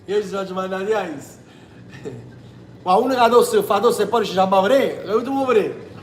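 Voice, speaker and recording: High-voiced southern Italian man, echoey room. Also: normal speed, a little hiss or hum. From Sicily. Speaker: singer hosting a livestream. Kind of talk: casual livestream chat. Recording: echoey room, music behind.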